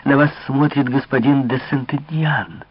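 A man voicing a young noble princess, coy and teasing, lifting his husky voice higher and lilting for her. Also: steady tone, a little slow. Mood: coy, pleading. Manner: raised, lilting pitch for a woman's part. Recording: dull lo-fi dry recording.

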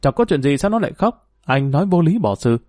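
A man voicing a brash, quick-tempered young woman who scolds and pleads with a friend. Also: mid-range voice, animated, darkish tone, dry recording, soft background music, natural voice. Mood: angry.

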